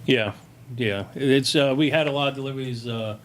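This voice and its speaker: A man's voice: medium pitch, normal speed. A man casually explaining things as a staff member at a meeting, picked up from across the room. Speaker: town staff member answering board questions. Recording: distant, faintly noisy meeting room audio.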